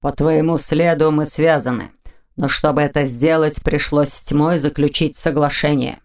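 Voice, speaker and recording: A woman voicing a male dark mage in dragon form, speaking low, growly and commanding. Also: fairly even intonation, normal speed, lightly acted. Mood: calm commanding. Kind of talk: audiobook character voicing.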